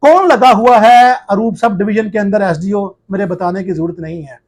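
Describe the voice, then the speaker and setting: A male journalist from Pakistan, addressing viewers in a forceful, accusing, challenging tone. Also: high voice, moderate pace.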